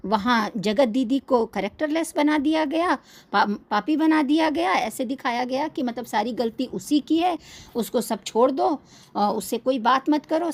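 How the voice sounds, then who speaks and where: Young female reaction host, somewhat high voice, scolding and indignant, pointed questions. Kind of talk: critical commentary on online creators.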